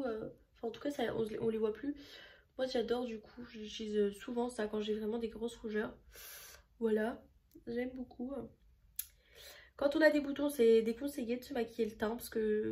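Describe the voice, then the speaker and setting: A young beauty vlogger chats casually while doing her makeup for a tutorial, rambling a bit and poking fun at herself. Her voice is a little high with a warm tone.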